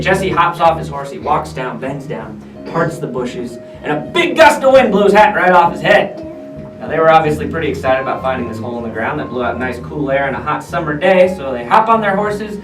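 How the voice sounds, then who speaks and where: An American man working as a cave tour guide, telling stories and explaining in a folksy way, putting questions to his group. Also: a little high. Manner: echoing cave guide delivery. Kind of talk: guided tour talk with storytelling. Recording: echoey, distant, with guitar music underneath.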